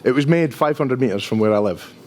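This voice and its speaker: A man's voice: mid-range voice, expressive, fast talker, a little mellow. A man in his fifties from Dundee with a strong Dundonian Scottish accent, giving an informal, chatty, self-deprecating conference presentation. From Dundee, Scotland. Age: 50s. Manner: chatty, self-deprecating, often tags sentences with "right?". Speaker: conference speaker, IT engineer.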